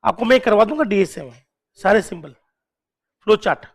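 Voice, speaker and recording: A man teaching a classroom lecture, drilling key points slowly, repeating them and quizzing students with questions while urging them on. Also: high-pitched, lively intonation, vocal fry. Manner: coaxing and encouraging toward students.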